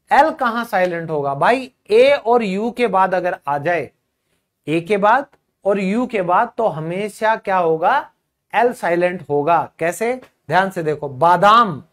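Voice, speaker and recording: A man's voice: high voice, a bit bright. A man teaching English pronunciation in a video lesson. He explains patiently, repeats each drilled word, and calls his viewers children and friends.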